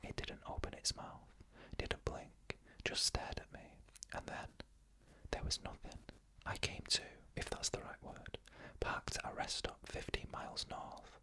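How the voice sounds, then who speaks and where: Soft and unvoiced, the ASMR whisper of this storyteller carries creepy first-person stories. The narration unfolds slowly, each phrase measured.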